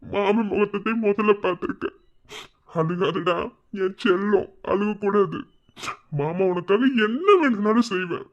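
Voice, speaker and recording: A man's voice: high-pitched, unhurried, muffled recording. A man acting a doting, emotional young uncle in a drama. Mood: tender. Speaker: maternal uncle of the newborn.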